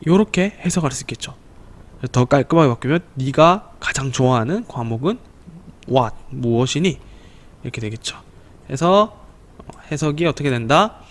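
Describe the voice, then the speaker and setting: A man teaching a slow, patient online English lesson to children, repeating words and pausing with fillers. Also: medium pitch, animated.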